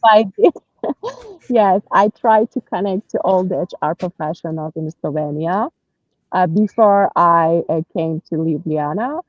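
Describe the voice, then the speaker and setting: This Iranian woman, a native Persian speaker, is a guest in a conversational interview, answering in accented English. She sounds earnest and hesitant, with many fillers and restarts. Her voice is fairly low and a little slow, and the lo-fi sound has no echo.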